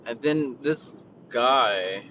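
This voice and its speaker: A man unloads about retail customers in a slow, drawling, profane storytelling ramble, his voice bright and edgy. The sound is dull and lo-fi, with a faint vehicle rumble underneath. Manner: profane, laid-back, quotes people in a raised voice. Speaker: retail worker. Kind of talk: casual storytelling rant.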